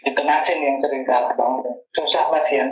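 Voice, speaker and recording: Animated kindergarten teacher man, echoey. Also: medium pitch, a little fast, lo-fi sound. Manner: animated storytelling, laughs often. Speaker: kindergarten teacher, podcast guest. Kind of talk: casual podcast chat.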